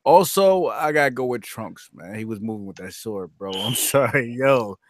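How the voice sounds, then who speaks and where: An excited man talks games in a casual podcast, full of slang and quick outbursts. His voice is recorded dry and close, with no room sound. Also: mid-range voice, no room sound. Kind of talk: casual gaming chat.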